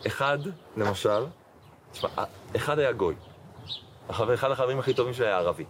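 A man's voice: medium pitch, animated. A middle-aged man, a rabbi, telling his personal story in an interview, acting out dialogue with lots of fillers. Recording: noticeable background noise.

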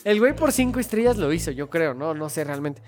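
A young man from Mexico with a Mexico City accent, telling a story in casual chat, slangy and animated, often laughing. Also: fairly high pitch, fairly quick. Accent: Mexico City Spanish.

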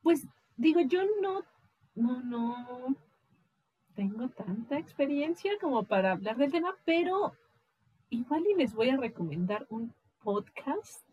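High husky Mexican woman chatting. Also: takes it slowly, no echo, lo-fi sound. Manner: animated, acts out quoted voices. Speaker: podcast guest. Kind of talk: casual podcast chat.

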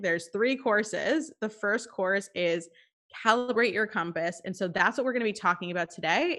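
A woman's voice: on the low side, sharp tone. A woman co-hosting a podcast, explaining a course path in an upbeat, casual way with some fillers. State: short of breath. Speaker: course co-host.

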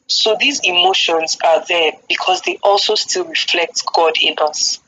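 A woman's voice: on the low side, unhurried, bright, forceful tone. A woman, talking about faith in an earnest, casual way and laughing often. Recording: slightly dull audio with faint background noise.

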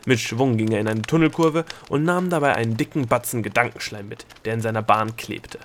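A man narrating a storybook in a steady, measured way. His voice sits at an ordinary middle pitch, and the reading is even and unhurried. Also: a little hiss or hum. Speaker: audiobook narrator.

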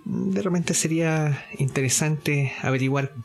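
A man giving a spoken lesson, explaining step by step, often pausing on fillers, repeating himself and checking that listeners follow. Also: on the high side, creaky, soft background music. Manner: deliberate, explaining step by step with frequent checks for understanding; hesitant fillers and self-repeats. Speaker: course teacher.

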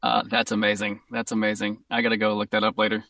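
Gravelly low-voiced Boston man. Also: dry recording, clean studio sound, distant mic. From Boston, USA. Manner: upbeat, excitable, quick to laugh. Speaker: voice actor guest. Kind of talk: casual interview chat.

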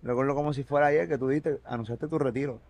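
A man's voice: mid-range voice, steady tone, quick pace, darkish tone, dry recording. A man with a Puerto Rican Spanish accent hosting a casual interview, chatty and leading into his questions with memories of his own. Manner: chatty, prompting questions with recollections. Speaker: interview host.

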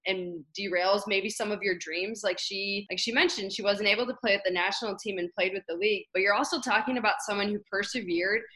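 A woman's voice: mid-range voice, bright, forceful tone, poor audio. A woman and former teammate talking in a casual podcast conversation, enthusiastic and effusive, with frequent "like" fillers.

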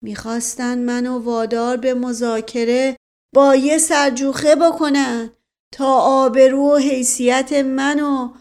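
A woman's voice: on the high side, natural voice. A woman voicing a pompous, paranoid older uncle who rants with indignation in a storybook reading. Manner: indignant shouting.

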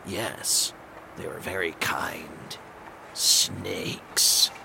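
A sly wizard speaks in a deep voice with a rough, gravelly rasp, as a man acts him out. His pitch swings widely while he drawls along with coy hints. The home recording carries a clear hiss of noise. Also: big pitch swings, a little slow, bright, forceful tone, heavily acted. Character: male wizard with a newly changed voice, sly. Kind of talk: voicing a tabletop game character.

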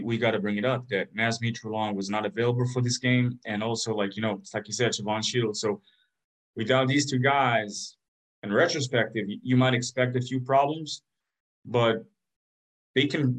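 Man, mid-pitched voice, podcast host, casual, joking. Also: fairly even intonation, moderate pace, poor audio. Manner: joking, runs through lists of teams. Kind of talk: casual sports chat.

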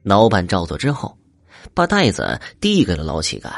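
A man narrating a folk ghost story in a lively, expressive storytelling manner. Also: deep voice, moderate pace, no room sound, studio quality.

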